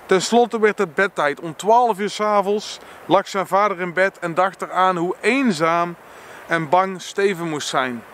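Dutch male reader, higher voice, earnest, faint traffic behind. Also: a bit bright. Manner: slow earnest reading, stumbles and self-corrects. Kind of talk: reading a book passage aloud with personal reflection.

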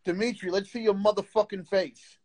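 High-voiced man taunting a caller. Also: fairly even intonation, fairly quick, a little mellow. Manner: taunting, profane, insulting. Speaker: host of a live stream. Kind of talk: confrontational live-stream chat.

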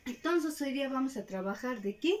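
Preschool teacher, singing and storytelling. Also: female voice, sits high, animated, a little fast, darkish tone. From Peru. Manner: affectionate, sing-song, many "¿no?" tag questions. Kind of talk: singing and storytelling to young children. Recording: distant mic with faint noise.

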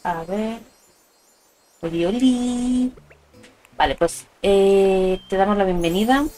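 A woman's voice: mid-range voice, a little slow, warm tone. A woman with a Spanish accent from Spain, chatting casually and affectionately with viewers as she streams a video game. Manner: chatty, informal, addressing viewers with endearments. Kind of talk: casual livestream chat while playing a video game. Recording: music playing behind the voice. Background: game music and stream sound alerts.

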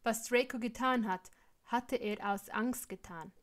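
Woman reader, fan fiction story, steady narration, fairly high pitch. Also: measured pace. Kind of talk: reading fan fiction aloud.

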